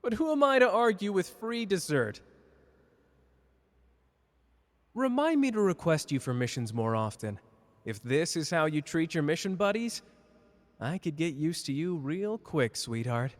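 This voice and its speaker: A man's voice: a little high, animated, normal speed, natural voice. Man acting cocky, flirty Gojo in long reverb. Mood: playful, flirty. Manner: teasing, casual, boastful. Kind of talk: ASMR character roleplay addressed to listener.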